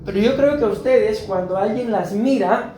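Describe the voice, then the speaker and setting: A man's voice: high voice, moderate pace, warm tone. A man preaching a sermon as pastor, talking in a conversational way and often checking in with his listeners. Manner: conversational preaching, keeps asking "¿verdad?". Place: church hall. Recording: echoey church room, faint background noise.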